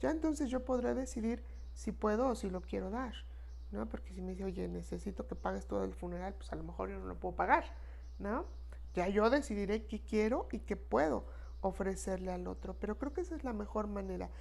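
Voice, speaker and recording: A woman speaks as an expert guest, explaining earnestly in easy conversation. Her voice is dark and mellow with a gravelly edge of fry, and she often closes a point with a quick questioning tag. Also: medium pitch, lively intonation. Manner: earnest, repeats 'no?' tags, acts out quoted phrases. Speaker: expert guest on death and grief.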